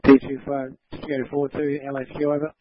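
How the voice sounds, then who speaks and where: A man working as a radio dispatcher, giving quick procedural calls over a two-way radio with brief hesitations. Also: medium pitch, a little hiss or hum. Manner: quick, flat radio talk with some hesitation. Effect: heard over a two-way radio. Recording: muffled dry two-way radio audio.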